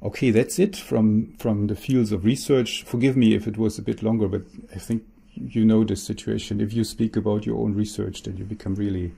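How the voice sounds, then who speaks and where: A man's voice: lowish voice, fairly even intonation, a little fast, gravelly, mellow, slightly rough. A man presenting his research in a recorded talk, explaining patiently with frequent restarts and fillers.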